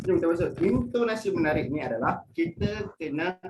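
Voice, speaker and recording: Seorang pria muda dari Malaysia yang melatih pelajar sekolah dalam webinar daring. Ia berbicara dengan lincah dan suka bercanda, lalu naik-turunkan nada untuk memberi contoh intonasi. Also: male voice, fairly quick, noisy background. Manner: lively, playful, switches pitch to demonstrate intonation. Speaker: public speaking trainer. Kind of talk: online workshop for students. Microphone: video call.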